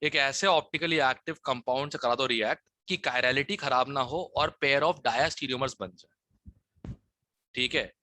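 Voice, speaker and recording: A man's voice: medium pitch, unhurried, pushed and bright. A man teaching a chemistry class, explaining test questions and often checking that students follow. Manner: Hinglish teaching, frequent "ठीक है?" checks.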